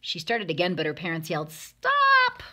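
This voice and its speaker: Against a noisy background, a woman with a low, animated voice reads a rhyming kids' picture book at a normal speed. She acts out the lines and leans hard into dramatic emphasis.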